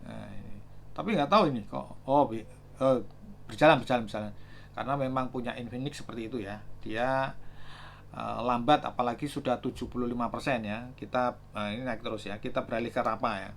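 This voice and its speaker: A man's voice: medium pitch, fairly even intonation, fairly quick, vocal fry, slight background noise. A man casually demonstrating chargers, thinking aloud and reading out numbers with many fillers. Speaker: gadget reviewer. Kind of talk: casual product demo.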